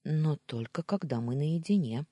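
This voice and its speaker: Young maid, female, shy, hushed, pleading, husky, dry close sound, woman doing the voice. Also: low-pitched, animated, moderate pace, no room sound, dull audio. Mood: timid. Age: 20s.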